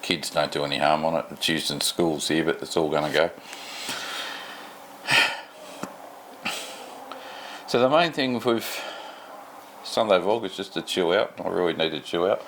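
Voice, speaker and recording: At home at night, a tired middle-aged Australian man rambles to camera in an unscripted vlog, laid-back and self-deprecating. His voice sits low with a fairly bright tone, unhurried and broken by long pauses, over a faint hiss or hum.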